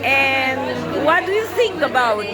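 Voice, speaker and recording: Woman, interviewer, high voice, slow halting questions, loud music and crowd behind. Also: lively intonation. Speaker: street interviewer at a forum. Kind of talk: vox pop interview questions.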